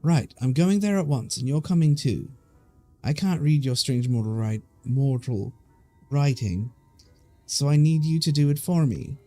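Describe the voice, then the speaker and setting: A man voicing a vain, attention-hungry fairy from a game, with a put-on Scottish accent and a high, bouncy, self-important delivery. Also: animated, unhurried, dark tone, soft background music, close to an everyday voice. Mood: eager.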